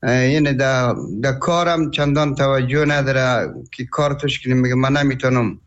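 A man from Afghanistan with an Afghan Dari accent, a father calling a radio show, speaking in a worried, halting way. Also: medium pitch, steady tone, lo-fi sound. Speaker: caller, father.

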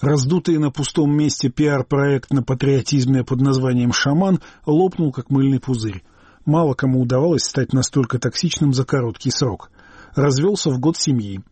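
Male reader, dark and husky voice, dry close sound, scornful list. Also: medium pitch, moderate pace, no room sound. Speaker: reader of a channel post. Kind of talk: read-out commentary.

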